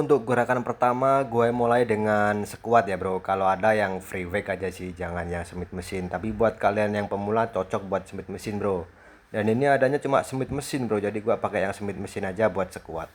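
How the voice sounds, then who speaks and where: Young male gym-bro creator, slightly low voice, casual fitness voice-over talking straight to his bros. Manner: gym-bro talk, constantly addressing the listener as bro.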